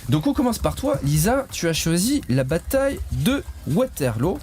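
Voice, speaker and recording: A man with a slightly husky voice, hosting a radio quiz in a studio in a joking, playful way. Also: high-pitched, moderate pace, background noise. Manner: lively, joking, stretches key words. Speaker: quiz host.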